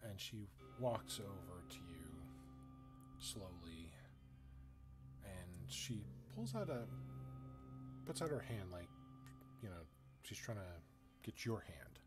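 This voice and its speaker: Slow, low-voiced man narrating a game. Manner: relaxed, halting with fillers. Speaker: game master. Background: background music.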